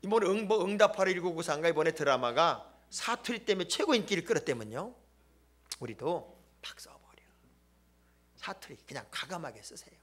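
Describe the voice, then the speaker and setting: Guy preaching in church, high bright voice, jokey, goes loud then whispery. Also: fast talker, few pauses. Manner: animated, joking and emphatic, swings between loud exclamations and hushed asides. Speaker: pastor. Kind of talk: sermon. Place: church sanctuary.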